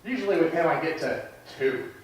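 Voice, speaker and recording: A man in his thirties preaches a sermon, talking in a conversational way and restarting phrases as he goes. His voice sits a little high for a man. It comes from some way off the mic in a church that echoes heavily. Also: expressive, a little fast, slight background noise. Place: church sanctuary. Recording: echoey church hall, from far off.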